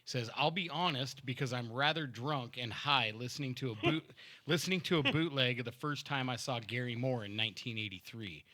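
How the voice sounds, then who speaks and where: A man's voice: medium pitch, fairly quick, bright, forceful tone, no room sound. A man hosting a casual podcast in a home-built studio, chatting loosely with laughs and fillers and reading a fan letter aloud. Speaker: podcast host and band member. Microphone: studio mic with headphones.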